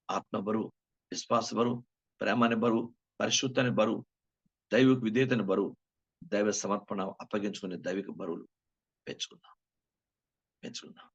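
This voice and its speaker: A man preaching a sermon as a pastor, building to loud emphatic bursts and then sinking into a hushed, prayerful tone. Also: lowish voice, husky, highs cut off.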